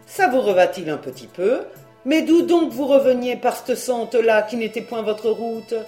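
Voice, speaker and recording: A woman voicing a boisterous, tipsy peasant man in an audiobook, exclaiming loudly in rustic speech. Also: on the high side, expressive, moderate pace, echoey room, faint music behind, lightly acted. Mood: hearty. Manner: loud exclaiming rustic talk. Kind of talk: audiobook character reading.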